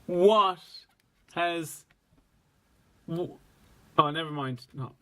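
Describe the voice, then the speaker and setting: High-voiced jokey Irish man. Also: drawn-out words, pushed and bright. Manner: jokey, playful teasing, mock-indignant. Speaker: podcast co-host. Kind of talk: casual chat.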